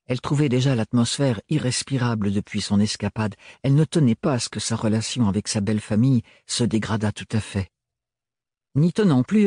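A male narrator reads a novel in a measured, even way, with a husky, breathy voice at a mid pitch. The sound is dry and close, with no room sound. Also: no echo. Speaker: audiobook narrator. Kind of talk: scripted narration.

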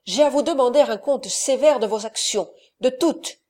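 A woman reading the part of a proud, sardonic nobleman in an audiobook, with clipped, forceful delivery. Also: high-pitched, moderate pace. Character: stern proud male count, sardonic and cold.

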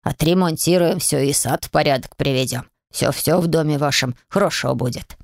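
A woman voicing timid low house-spirit brothers. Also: no echo, studio quality. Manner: slow, hopeful and timid. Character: shy humble male house-spirit brothers.

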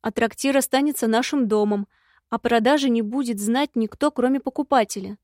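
A woman's voice: a little high, fairly quick, a little mellow, no room sound, studio quality, close to an everyday voice. A woman voicing a grumbling, sighing male imp who keeps an inn, reading an audiobook. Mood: worried. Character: grumbling male imp innkeeper, long-eared, gloomy.

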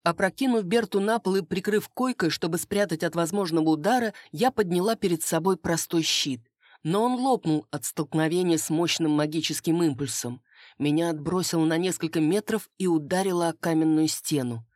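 A woman's voice: on the low side, normal speed, a little mellow, no room sound, studio quality. Woman narrating a fantasy audiobook.

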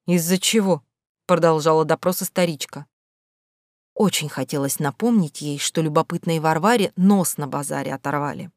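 A woman reading a first-person novel aloud with expressive, measured storytelling. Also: sits low, no echo, clean studio sound. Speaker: audiobook narrator. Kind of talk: first-person audiobook narration.

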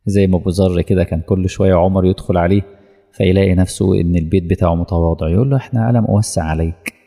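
Fast gravelly preacher in a hall. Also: male voice, low voice, level tone, dark tone. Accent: Egyptian Arabic. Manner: colloquial storytelling, acting out dialogue. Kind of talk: sermon.

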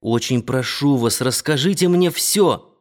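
A man's voice: medium pitch, measured pace, lightly acted. A man reading an audiobook and voicing an anxious young boy who pleads urgently for news of his family. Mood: pleading.

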